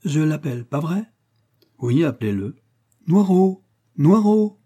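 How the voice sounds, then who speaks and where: A man's voice: mid-range voice, animated, moderate pace, warm tone, husky. A man voicing a chatty, eager elderly village woman who coaxes and insists. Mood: coaxing. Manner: coaxing, insistent.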